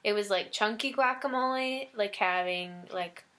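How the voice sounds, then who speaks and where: A woman's voice: medium pitch, a little slow, a bit bright. A young woman co-hosting a podcast in casual chat, chatty and giggly, sometimes tripping over her words. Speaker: podcast co-host.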